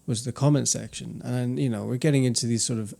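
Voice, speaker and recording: A man's voice: medium pitch, steady tone, quick pace, gravelly, mellow. A young man co-hosting a podcast, chatting casually and reflectively with lots of restarts. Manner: reflective, rambling with many restarts. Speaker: podcast co-host. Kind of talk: casual chat.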